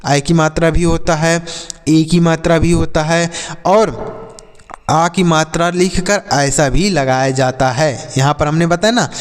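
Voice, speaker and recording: A man with a fairly high voice teaches pronunciation in a classroom style. He spells words out letter by letter, poses a question and answers it himself, and speaks to viewers as dear children. His voice carries a long, hall-like reverb. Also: fairly even intonation. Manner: slow, spelled-out explanations with call-and-response questions to himself. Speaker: English teacher.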